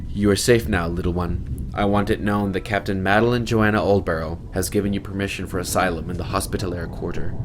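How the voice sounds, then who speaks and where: A man voicing a stern, weary woman army captain who gives calm, clipped orders. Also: low voice, fairly quick, background noise, natural voice. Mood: commanding.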